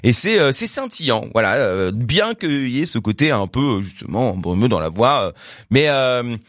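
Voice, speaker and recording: A man's voice: medium pitch, very animated, moderate pace, fairly bright tone, no echo, clean studio sound. A man presenting new rock songs on the radio in a casual, rambling way, with many fillers and little laughs. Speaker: radio music show host.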